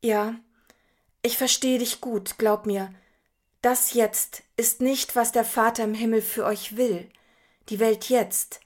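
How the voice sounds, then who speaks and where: A woman reading the lines of a gentle, patient Jesus in a soft, calm, reassuring way. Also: on the high side, moderate pace, close to an everyday voice. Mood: sad, tender. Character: gentle patient grown man, calm and kind.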